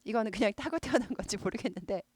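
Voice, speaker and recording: A woman's voice: a little high, animated, racing, darkish tone, slightly rough, no room sound. A middle-aged woman teaching English pronunciation, explaining step by step and repeating words over and over. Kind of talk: pronunciation lesson.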